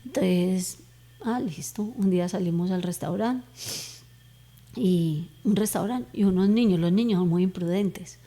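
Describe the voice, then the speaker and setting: A middle-aged woman speaks in a warm, mellow voice as a podcast guest giving a faith testimony. Her telling is earnest and heartfelt, and it rises into fervent, pleading prayer when she retells her own words. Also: lowish voice, unhurried. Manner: earnest, emotional storytelling with fervent prayer retold aloud. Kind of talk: personal testimony in conversation.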